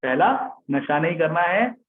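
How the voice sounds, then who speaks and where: High-voiced man telling a devotional story. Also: a little slow, a little hiss or hum. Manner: lively, checks in with listeners, reads out chat names. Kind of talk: devotional story sermon streamed live. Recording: tinny phone-like sound.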